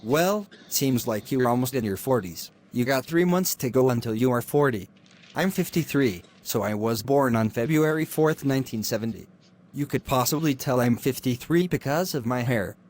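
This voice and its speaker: A man's voice: medium pitch, moderate pace, a little mellow. A man voicing a stern middle-aged judge in a homemade animation, lecturing at length and sounding exasperated. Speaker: narrator and voice actor of an animation.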